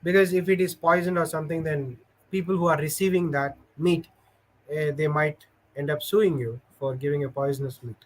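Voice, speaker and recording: Poor audio captures a man with a fairly high, steady voice talking a little fast. Hosting a casual livestream, he reads viewer comments and tells stories, rambling and hesitating with plenty of fillers.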